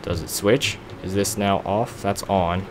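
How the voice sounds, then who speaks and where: This let's play gamer talks through a block-building game in a relaxed way, wandering off-topic and joking at his own expense while he works it out. He's a young man with a low, steady voice and an unhurried pace, and background noise is present.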